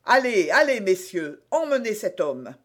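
A man voicing a bold, quick-witted young male musketeer in an audiobook reading, giving brisk orders. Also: high voice, sing-song, voice pushed up. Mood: commanding.

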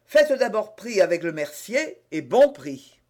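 A vain, hearty musketeer, put on by a male reader, booming out scoffing exclamations in a raised voice. He sounds proud and a little pompous in this storybook telling. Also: big pitch swings, unhurried, a little mellow. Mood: blustering. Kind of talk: audiobook reading.

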